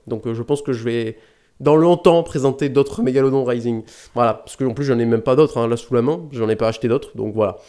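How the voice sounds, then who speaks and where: A man hosts a casual unboxing vlog at mid pitch. He rambles, swears lightly and keeps correcting himself. He talks close to a desk mic. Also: darkish tone, clean tone. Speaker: YouTube DVD collector host.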